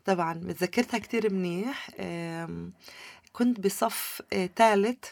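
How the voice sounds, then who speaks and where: A woman's voice: mid-range voice, moderate pace, creaky, darkish tone, no room sound. A woman with a Palestinian Levantine Arabic accent, telling personal stories as a guest in a conversational interview.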